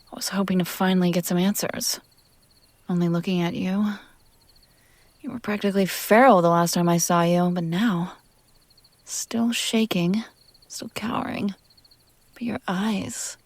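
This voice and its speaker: A woman's lowish, darkish voice portrays a possessive demon teasing someone in an intimate scripted roleplay, with theatrical, drawn-out lines that trail off toward whispers. There's no room sound. Her mood is musing and probing.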